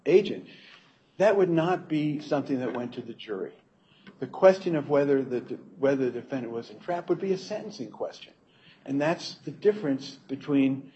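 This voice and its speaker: A man's voice: mid-range voice, darkish tone. Man arguing formally, muffled sound. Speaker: appellate defense lawyer. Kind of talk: formal oral legal argument. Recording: dull courtroom recording, faint noise.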